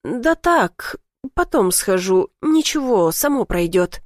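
A woman voicing a tired, gentle middle-aged mother who answers softly and evasively. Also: mid-range voice, sing-song, slow, no echo, studio quality. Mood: weary. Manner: soft, pleading, evasive.

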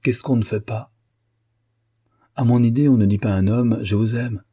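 A man's voice: medium pitch, steady tone, moderate pace, mellow, husky, voice pushed up, lightly acted. A man voicing a proud, hot-tempered young Russian musician who speaks brusquely and angrily in an audiobook reading. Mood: indignant. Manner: brusque, angry. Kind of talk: audiobook character voice.

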